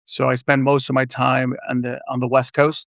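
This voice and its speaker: Podcast guest: middle-aged man from Puerto Rico, gravelly and flat, measured, dry remote sound. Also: medium pitch, no echo. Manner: measured, frequent "uh" pauses. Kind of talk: casual interview chat. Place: remote, virtual studio.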